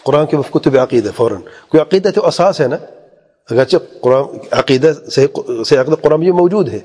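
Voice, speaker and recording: In a long, echoing hall, a male Islamic preacher delivers an earnest religious lecture, asking rhetorical questions and quoting Arabic phrases. His voice is a little high and animated, with a darkish tone.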